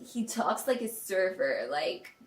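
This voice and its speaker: A woman's voice: mid-range voice, lively intonation, slow pace. A woman co-hosting a casual review chat, talking loosely with lots of "like". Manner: casual, frequent "like". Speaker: co-host reviewing a reality show. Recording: roomy, a bit off mic.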